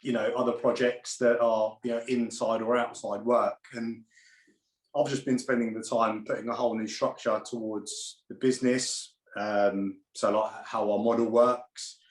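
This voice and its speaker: A man as an interview guest on a video call, telling animated anecdotes and laughing often. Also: medium pitch, normal speed. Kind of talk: casual interview chat. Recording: roomy echo.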